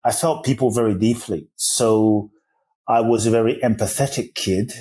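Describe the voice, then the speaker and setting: A man's voice: on the low side, steady tone, moderate pace, mellow. Earnest man telling his spiritual story. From Ghana-born, raised in London. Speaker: podcast guest, author and speaker. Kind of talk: reflective storytelling interview.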